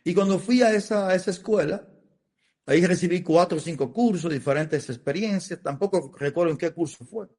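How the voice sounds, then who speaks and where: Man, Dominican accent, priest, middle-aged, emotional testimony, fairly high pitch. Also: fairly quick, darkish tone. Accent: Dominican Spanish. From Dominican Republic. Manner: earnest, emotional storytelling with repetitions. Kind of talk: interview testimony.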